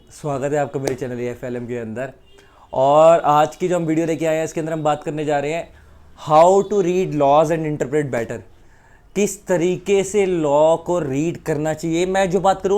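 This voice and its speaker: High-voiced Indian man teaching law. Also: darkish tone. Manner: explains with repeated examples, mixing Hindi and English. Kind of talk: explanatory lecture.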